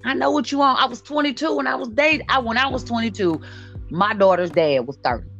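This woman's voice is fairly high, fairly bright and fast as she hosts a casual podcast chat in her late forties. Blunt and insistent, she repeats herself for emphasis, and the audio is dull lo-fi with music in the background.

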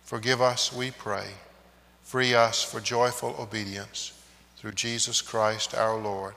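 A pastor leads the congregation in prayer, a man with a bright, forceful tone who speaks very slowly. His measured phrases trail off quietly and ring out in a long cathedral echo. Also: on the low side, flat delivery. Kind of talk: leading liturgy and prayer. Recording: long echoing reverb of a large church.

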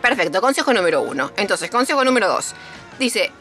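Argentine woman, quiz host, playful teasing chat, medium pitch, faint music behind. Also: big pitch swings, brisk, a bit bright. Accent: Argentine Spanish. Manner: joking, teasing, digressive.

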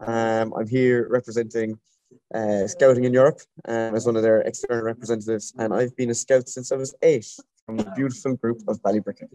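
A man's voice: mid-range voice, level tone, fairly quick, warm tone, dry recording, rough recording. A man with an Irish accent, chatting friendly on a panel about his journey. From Ireland. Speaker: scout representative. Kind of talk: panel interview.

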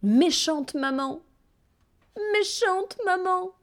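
Woman doing a high little girl voice. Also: extremely slow, heavily acted. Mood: upset. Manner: high, pleading. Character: small, sweet little girl.

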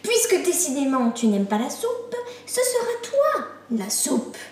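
A gleeful, mocking old witch from a storybook, trading made-up insults in a high, sing-song voice, as a woman reads her. The delivery is slow and teasing. A roomy echo hangs on every word. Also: sing-song, a little mellow, far from the mic. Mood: gloating.

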